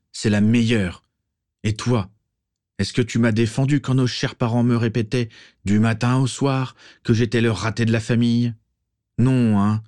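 A man's voice: deep voice, a little mellow, dry recording, studio quality. A man reading an audiobook, voicing a bitter young man who lashes out at his family with sarcasm and anger. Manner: accusing, sarcastic.

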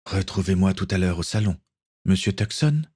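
A man voicing a stern, dutiful naval captain in a read-aloud story, measured and authoritative. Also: low voice, lively intonation, darkish tone, slightly rough, no room sound, clean studio sound. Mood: formal.

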